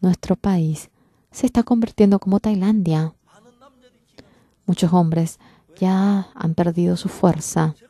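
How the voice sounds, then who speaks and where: Low, mellow woman interpreting a sermon. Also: fairly even intonation, takes it slowly, pauses often, dry recording. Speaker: interpreter for a pastor. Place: church.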